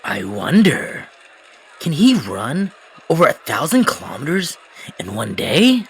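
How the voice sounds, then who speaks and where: A man's voice: on the high side, huge pitch swings, unhurried, gravelly, slightly rough, exaggerated voice. A man voicing a cocky, irritable racer in an anime fan dub, with a dismissive, grumbling delivery.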